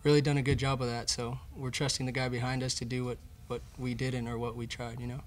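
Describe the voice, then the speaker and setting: At a table microphone in an indoor press conference room, a young man who plays college baseball earnestly answers questions about his team. His mid-range voice is flat, and he talks fast.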